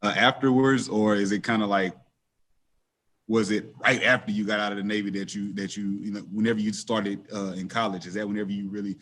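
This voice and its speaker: Low-voiced man asking halting questions. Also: level tone, a bit bright. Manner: halting, circling questions with fillers. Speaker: podcast co-host. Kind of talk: casual podcast interviewing.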